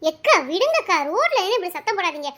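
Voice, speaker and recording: A motherly village neighbour in a cartoon, voiced by a woman, coaxing and gently scolding to settle a family quarrel. Her voice is extremely high and childlike, and she talks briskly. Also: big pitch swings, heavily acted.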